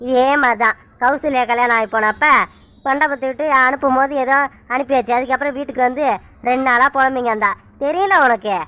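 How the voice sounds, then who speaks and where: Lady doing a gentle cartoon dad, middle-aged, soothing, high and bright sounding. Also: fairly quick. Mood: fond. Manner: soothing, affectionate. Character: gentle fond middle-aged village father. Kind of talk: cartoon voice acting.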